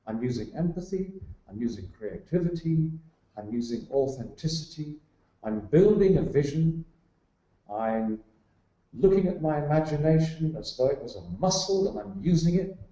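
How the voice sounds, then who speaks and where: A man's voice: a little high, warm tone. A man speaking as a guest on leadership, building emphatic lists of examples with some fillers. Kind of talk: explanatory talk. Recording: roomy, muffled sound.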